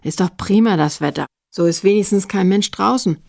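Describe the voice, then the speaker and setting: A woman's voice: medium pitch, normal speed, gravelly, a little mellow, no echo, clean studio sound. Woman doing Fred, a bossy teenage boy leader. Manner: impatient, hissing orders.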